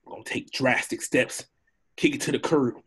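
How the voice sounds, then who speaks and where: A man voicing a talkative, cowardly donkey in a read of an animated film script, with a husky voice and a jittery, rambling, wheedling manner. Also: medium pitch, moderate pace. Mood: cocky.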